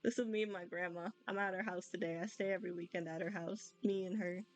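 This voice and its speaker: A woman's voice: fairly low pitch, fairly even intonation, fast. A young woman doing casual live gameplay commentary in a chatty, rambling way, often saying "like". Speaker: game streamer.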